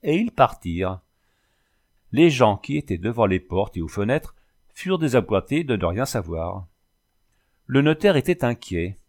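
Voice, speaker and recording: A man narrating a classic short story aloud as an audiobook reader, in an even, measured storytelling manner. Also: medium pitch. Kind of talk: scripted narration.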